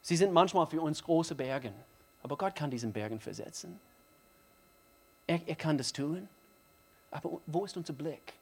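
A man delivering a sermon in a fairly high voice. He is emphatic and repeats key phrases, swinging from hushed, intimate passages to loud, driving emphasis. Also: lively intonation, normal speed, pauses often, breathy edge. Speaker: preacher.

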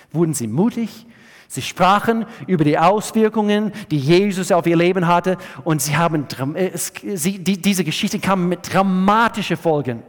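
A man preaches a sermon in a slightly raised voice, with a long reverb trailing each phrase as in a church hall. He swings from loud, emphatic lines down to soft, hushed asides. He often halts and restarts his sentences. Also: fairly high pitch. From USA. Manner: halting, with frequent restarts. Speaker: pastor.

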